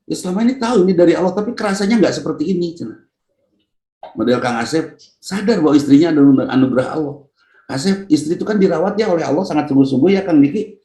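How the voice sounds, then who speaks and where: A male preacher with a Sundanese accent, telling stories in a sermon and often jumping into a high, playful voice to act out what he describes. His voice is warm and mellow. The room is roomy, with a clear echo around him. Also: fast. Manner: lively storytelling, jumps to a high voice to act out lines; addresses listeners by name. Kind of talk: Islamic study sermon.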